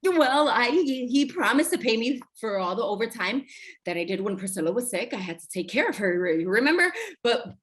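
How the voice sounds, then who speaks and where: A woman's voice: fairly high pitch, sing-song, brisk, a bit bright. An actress playing a bossy mother who takes charge and scolds swearing in a stage play. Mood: urgent. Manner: commanding, scolding.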